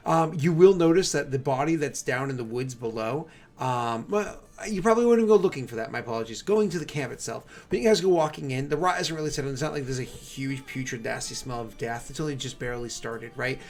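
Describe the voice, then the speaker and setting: A man's voice: mid-range voice, a little fast. A man working as game master, improvising tabletop game narration in a chatty, rambling way with conversational asides.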